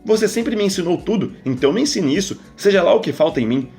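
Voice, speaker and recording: A man's voice: high voice, animated, quick pace, darkish tone, faint music behind, voice pushed up. A man reading aloud, voicing an innocent, earnest young man who talks firmly and a little confused. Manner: earnest, firm.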